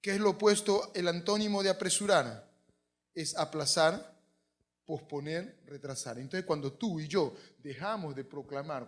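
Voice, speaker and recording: A man preaching a sermon as pastor, telling stories and swinging from hushed lines to shouts. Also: high-pitched. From Peru.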